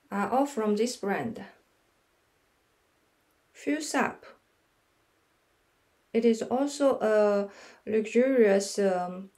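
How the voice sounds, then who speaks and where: Slow halting woman vlogger, echoey room. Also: fairly high pitch, darkish tone. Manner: halting, with many pauses and fillers. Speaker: fashion vlogger. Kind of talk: casual unboxing and try-on. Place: small room at home, indoors.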